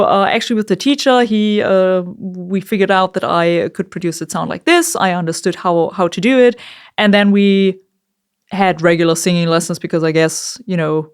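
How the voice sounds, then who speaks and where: A woman's voice: mid-range voice, clear, resonant tone. A woman vocalist talking casually through an instructional lesson, in an informal, chatty way with the odd swear word. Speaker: vocalist giving a screaming tutorial.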